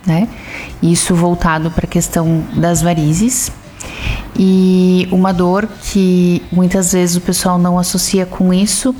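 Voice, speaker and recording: A woman's voice: fairly low pitch, warm tone, slight background noise. A woman vascular doctor answering interview questions, explaining symptoms step by step.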